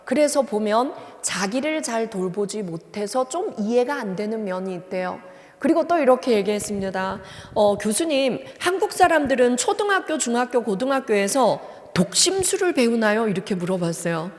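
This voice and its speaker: A woman's voice: fairly high pitch, expressive, normal speed, a little mellow. A woman psychology professor giving a church seminar lecture. She asks her audience questions and acts out the lines she quotes. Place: church hall. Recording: long-reverb church hall.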